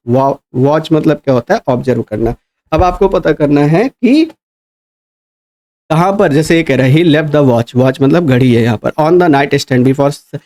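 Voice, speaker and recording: A male teacher with a slightly high voice. He explains step by step in a patient lecture style. He slows right down whenever he reads an example sentence aloud. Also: a little mellow. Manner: explains patiently, asks "है ना?" often, reads English quoted sentences slowly. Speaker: English teacher. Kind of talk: exam-prep lecture.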